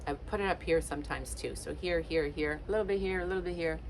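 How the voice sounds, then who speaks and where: A Portuguese-born lifestyle vlogger in her late fifties chats casually to camera, her low voice moving fast over slight background noise. She's warm and encouraging, and her talk is full of ums and likes.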